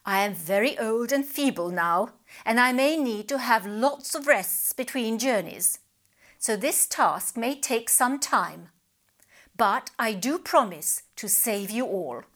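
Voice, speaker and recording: A woman's voice: on the high side, animated, takes it slowly, a bit bright. Woman doing a sly old pelican. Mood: soothing. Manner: solemn, grandly warning. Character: old scheming male pelican, smooth and grand.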